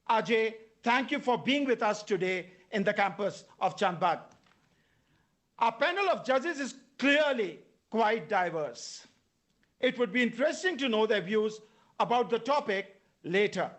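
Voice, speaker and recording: A man with an Indian accent serves as master of ceremonies at a debate, reading formal scripted introductions in a measured way. His voice is very high and a bit bright.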